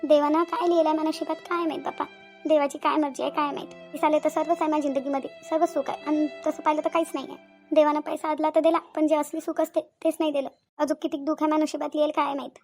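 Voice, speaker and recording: Give me a woman voicing a sobbing young cartoon wife with a Vidarbha accent, talking fast and very high. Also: little pitch movement, a little mellow, faint music behind. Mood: sorrowful. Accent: Vidarbha Marathi. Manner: pleading, sobbing. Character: young married woman, tearful, longing for a daughter. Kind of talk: cartoon voice acting.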